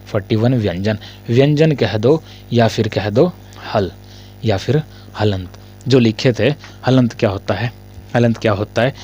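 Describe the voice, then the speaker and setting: A man teaches a casual grammar lesson at a writing board in a somewhat low voice. He fires a short question at his students and then answers it himself, and he coughs and clears his throat between lines. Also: darkish tone, a little hiss or hum.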